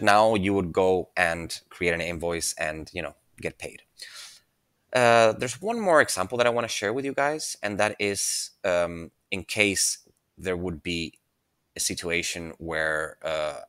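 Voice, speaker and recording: Low-voiced man walking through software. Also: clean tone, no room sound. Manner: relaxed, thinking aloud with frequent fillers and restarts. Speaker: software tutorial presenter. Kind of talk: screen-recorded software walkthrough.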